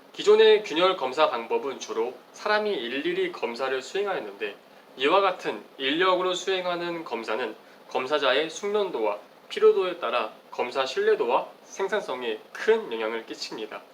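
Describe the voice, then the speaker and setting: A man with a mid-range, fairly bright voice gives a formal academic research presentation, explaining things phrase by phrase. The mic is distant, with faint background noise.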